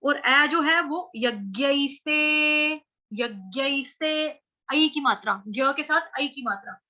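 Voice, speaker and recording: A woman's voice: sits high, slow pace, bright, forceful tone, highs cut off. A woman teaching Sanskrit verse recitation, spelling words out letter by letter and then chanting the full verse. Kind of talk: slow syllable-by-syllable recitation lesson.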